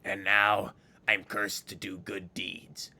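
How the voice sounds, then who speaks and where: A man voicing a bitter, scornful old exiled fiend for a game, with a gravelly, ghoulish voice and theatrical, villainous delivery that savors its words. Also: sits low, level tone, slow pace, bright, forceful tone, full character voice. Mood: anguished, indignant. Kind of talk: dramatic video game character read-aloud.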